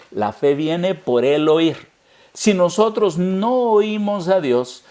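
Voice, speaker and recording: High-voiced man preaching a sermon. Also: darkish tone. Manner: earnest preaching, addresses listener directly. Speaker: pastor.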